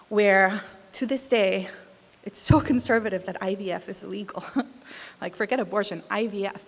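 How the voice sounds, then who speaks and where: With a mid-range voice and vocal fry, a woman in her thirties from Costa Rica, speaking with an American accent, accepts an award in a large hall. The reverberant recording captures her candid, conversational tone and occasional emphatic punches.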